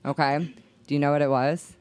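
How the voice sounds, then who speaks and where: A woman's voice: low-pitched, fairly even intonation, a little fast, darkish tone. A woman hosting a podcast interview, bantering playfully with her guests. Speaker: podcast host.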